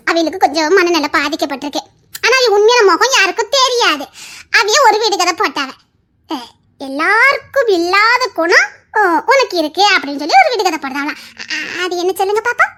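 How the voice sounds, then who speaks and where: A shrill, childlike young woman. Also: expressive, brisk, bright, forceful tone, exaggerated voice. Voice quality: very high, girlish voice. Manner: swings between sly plotting and tearful pleading. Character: childlike, scheming young woman doting on her uncle. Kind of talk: TV serial acting.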